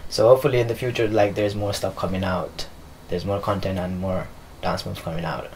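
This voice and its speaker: A man's voice: sits low, steady tone, fairly quick, darkish tone, slight background noise, rough recording. A young man from Nepal, a dancer and choreographer, answering interview questions in a loose, filler-heavy way while seated in a living room. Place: living room with leather sofas.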